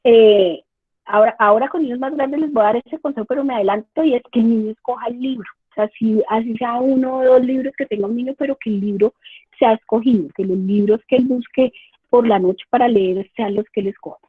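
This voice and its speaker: A woman's voice: a little high, fast, husky, no echo. Colombian woman lecturing over a tinny line. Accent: Colombian Spanish. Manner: explanatory, lively, rhetorical questions. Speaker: university professor. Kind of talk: remote lecture to parents.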